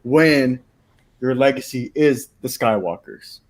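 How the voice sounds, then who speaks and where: A man's voice: medium pitch, expressive, slow. A man on a podcast panel, talking indignantly in rhetorical questions and swearing now and then. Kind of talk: casual podcast chat.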